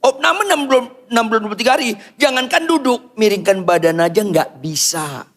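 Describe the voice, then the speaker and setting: An older man, a pastor, preaches a sermon in church, firing rhetorical questions at the congregation and swinging between quiet asides and loud outbursts. His voice is high and expressive, and he speaks a little fast.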